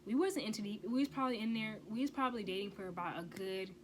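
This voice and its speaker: A woman's voice: medium pitch, fast, a little hiss or hum, low-quality recording. A woman telling a personal story in a casual vlog, emphatic and blunt, often stressing points with a rhetorical "okay?" and swearing freely. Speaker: vlogger.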